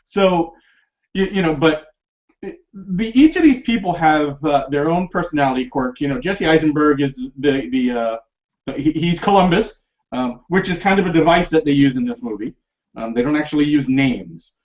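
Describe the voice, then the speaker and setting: This film podcast host has a slightly high, expressive voice and speaks at normal speed. The lo-fi recording sounds dull, and his casual talk wanders, with plenty of fillers, restarts, and frequent laughter.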